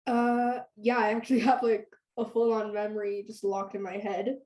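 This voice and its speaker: A teenage girl from Canada who grew up speaking Hebrew chats casually as a guest singer-songwriter in an interview, filling her speech with lots of "like"s and "um"s. Her voice is medium-pitched and a little mellow, with flat delivery at a moderate pace, on a rough recording.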